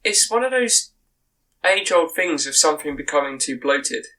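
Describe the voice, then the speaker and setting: A man co-hosting a podcast, talking about a film in an animated, opinionated way and often restarting his sentences. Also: on the high side, normal speed, recorded from a distance, low-quality recording. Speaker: podcast co-host. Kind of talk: casual film discussion.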